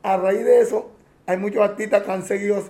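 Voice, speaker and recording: A man's voice: sits high, fairly even intonation, fairly quick, warm tone. A man, a champeta singer answering interview questions in an earnest, heartfelt way and often correcting himself.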